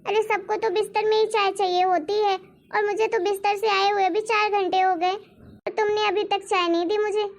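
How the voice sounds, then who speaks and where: Woman doing a nagging saas, super high squeaky voice with gravel, whines and blames everyone. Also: flat delivery, moderate pace. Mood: complaining. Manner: nagging, complaining, blames others. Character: scheming lying mother-in-law, older woman. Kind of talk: animated cartoon voice acting.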